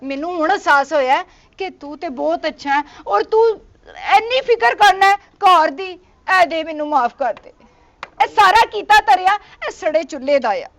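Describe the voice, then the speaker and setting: A woman's voice: very high-pitched, expressive, normal speed, fairly bright tone, full character voice. A woman playing a suspicious wife who is easily swayed by gossip. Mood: pleading. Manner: scolding, then pleading.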